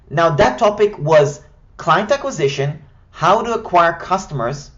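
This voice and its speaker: An online course coach whose first language is Hebrew teaches step by step with an Israeli accent. His voice is a little high, the audio is dull, and his scripted tutorial is structured and direct.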